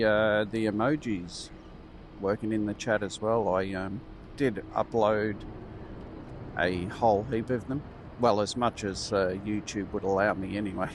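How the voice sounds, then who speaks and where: A man's voice: on the low side, slight background noise. An Australian man giving casual, easygoing and slightly hesitant commentary as a livestream host.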